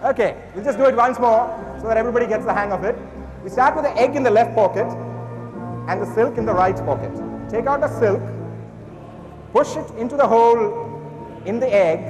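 A man's voice: very high-pitched, expressive, moderate pace, long pauses. A young man doing playful, showy stage magician patter like a kids party magician, instructing his audience. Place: large auditorium stage before an audience. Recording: echoey hall, long reverb, faint music.

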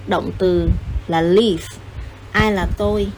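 A woman teaching English to children, patient and coaxing, repeating and spelling words out slowly. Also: lowish voice, fairly even intonation, a little mellow, a little hiss or hum. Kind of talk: explaining a lesson.

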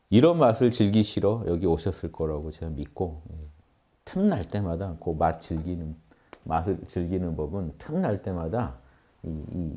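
A man's voice: sits low, mellow. A man giving an earnest spiritual lecture on meditation, explaining and addressing his audience directly. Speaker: meditation teacher.

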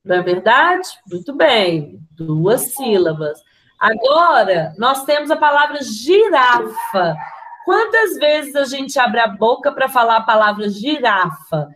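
A Brazilian woman with a high voice teaches young children over a video call from a computer. She speaks slowly and patiently, spelling words out syllable by syllable and asking the class questions. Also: very animated, a bit bright, slight background noise, poor audio. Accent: Brazilian Portuguese. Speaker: primary school teacher.

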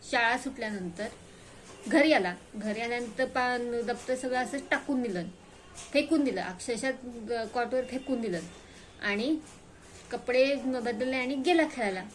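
A woman's voice: on the high side, a little hiss or hum. Woman telling a children's story. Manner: simple, animated storytelling with restarts.

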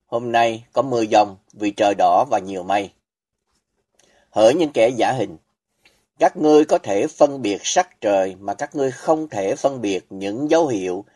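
A man delivers a scripted sermon as a voice-over, reading solemnly and deliberately with emphatic pauses. His voice is mellow and sits in the middle range.

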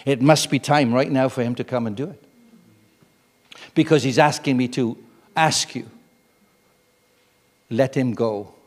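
A man in his sixties preaching a sermon, swinging between loud urgent emphasis and hushed intimate tones. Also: a little high. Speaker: guest preacher. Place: church. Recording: reverberant church hall.

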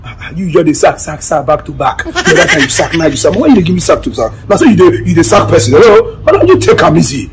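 A man's voice: a little high, very animated, fast, few pauses. A man playing a cheeky, boastful young shop worker with a Nigerian accent, mixing in Pidgin. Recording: scene with loud background music.

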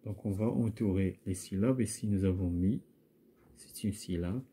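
A man's voice: deep voice, moderate pace, dark tone, a little hiss or hum. A man, a primary school teacher patiently guiding a child through a workbook and repeating each word for the child to echo. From Morocco. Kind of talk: guided workbook lesson.

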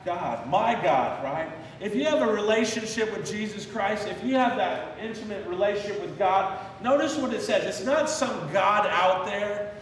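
Male pastor, high voice, call-and-response preaching, recorded from a distance in a reverberant church hall. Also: animated, normal speed, hardly any pauses, slight background noise. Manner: leads the congregation in call-and-response, repeating a memory verse. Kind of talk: sermon. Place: church sanctuary.

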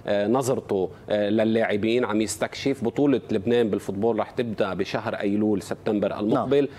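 Quick, low-voiced Lebanese sports journalist. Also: male voice, warm tone. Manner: explanatory, hesitant fillers. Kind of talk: casual TV interview.

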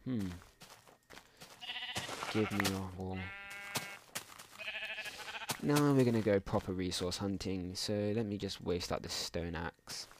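A man's voice: low-pitched, steady tone, takes it slowly, long pauses, slight background noise. A young man casually commenting while playing a game at home, rambling through mumbled asides into a desktop microphone. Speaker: gaming channel host. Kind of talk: casual let's play commentary.

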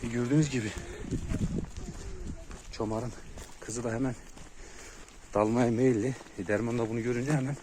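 A man's voice: mid-range voice, steady tone, moderate pace, pauses often. A man filming his young dogs outdoors, talking to his viewers and calling and scolding the puppies. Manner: talks to viewers, then calls and scolds dogs loudly. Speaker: kangal dog owner filming his puppies. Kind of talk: casual outdoor vlog narration. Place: outdoors in a rural yard. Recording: faint outdoor noise.

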